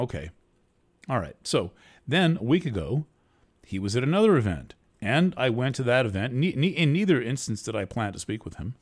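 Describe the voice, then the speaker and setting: A man hosting a show, talking through a monologue in a deliberately soft, earnest way. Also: mid-range voice. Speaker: host. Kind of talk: monologue commentary.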